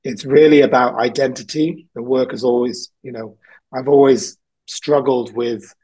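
A man's voice: medium pitch, steady tone, moderate pace, a little mellow, husky, rough recording. A man from South Wales, a guest artist in a casual interview, talking thoughtfully and rambling a little, with frequent ums and laughs.

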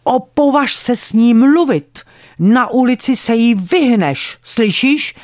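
A woman's voice: no echo, studio quality, close to an everyday voice. A woman voicing a furious old grandmother who shrieks and scolds a child in a storybook reading. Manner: shrill, scolding.

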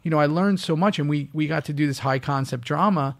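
Man telling lively showbiz stories. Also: on the high side, fast, creaky. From US East Coast. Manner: lively anecdotes, acts out quoted dialogue. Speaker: actor guest. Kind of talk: casual interview storytelling.

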